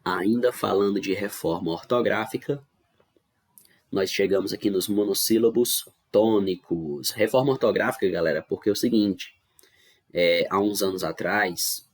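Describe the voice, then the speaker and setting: A man with a low voice leads an online review lesson for schoolchildren. He goes through each rule step by step, repeats the main points and keeps checking that the class is following. He sounds like he is recording at a computer for a screen-share class. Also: normal speed. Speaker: teacher.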